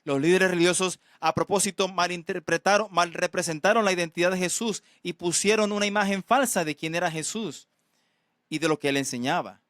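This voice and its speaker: A man's voice: high-pitched, fairly bright tone, dry recording, clean studio sound. A man preaching a sermon as pastor, earnest and often checking in with his listeners. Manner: earnest, asks "¿verdad?" often, halting restarts.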